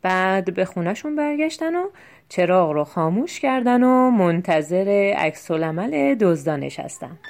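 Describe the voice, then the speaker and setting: Mellow-voiced woman narrating a folk tale. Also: mid-range voice, sing-song, vocal fry, soft background music. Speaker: audiobook narrator. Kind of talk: scripted storybook narration.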